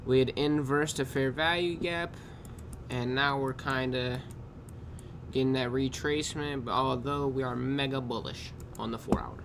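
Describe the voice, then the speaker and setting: A man casually reviewing his trading day, tired and yawning, talking in a loose, unhurried way with drawn-out pauses and the odd swear word. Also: mid-range voice, steady tone, background noise. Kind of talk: casual screen-recorded trade review. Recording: clear keyboard typing in background.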